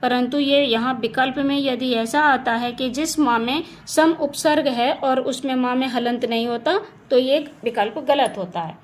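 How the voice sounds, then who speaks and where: A woman's voice: sits high, normal speed, few pauses. A woman teaching Hindi grammar for exam prep, going through answers patiently and spelling words out sound by sound. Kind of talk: exam-prep lesson, checking answers aloud. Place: home beside a railway track. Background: faint household ambience, occasional train noise.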